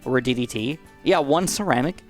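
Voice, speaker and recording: A young gaming YouTuber delivers casual, excitable commentary in a slightly dry, raspy voice, jumping between upbeat outbursts and mumbled asides. He's medium-pitched and fairly quick, with faint music underneath.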